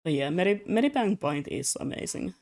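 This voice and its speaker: Drawing commissions on stream, a young adult Russian-native speaker talks casually, rambling and joking at their own expense with laughs breaking in often. The middle-pitched voice is weary and a bit slurred, yet sing-song, fairly quick and a little mellow, picked up by a streaming mic.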